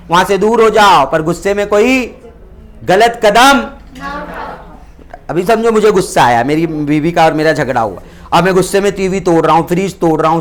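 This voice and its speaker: A male tuition teacher giving an animated, joking, preachy classroom lecture to students. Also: high-pitched.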